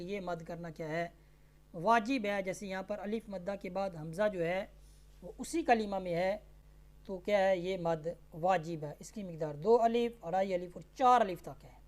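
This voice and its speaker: A woman teaching tajweed who spells out letters and vowel marks, then recites each word slowly and drawn out. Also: medium pitch, a little mellow. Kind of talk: tajweed lesson.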